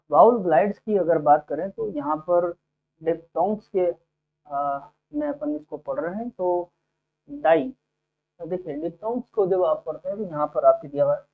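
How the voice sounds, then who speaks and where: Male teacher, lecture mode, walks students through examples step by step; fairly high, smooth voice; tinny lo-fi recording. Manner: explains step by step, often asks 'ठीक है' and 'है ना'. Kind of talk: phonetics lecture for exam students. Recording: tinny phone-like sound.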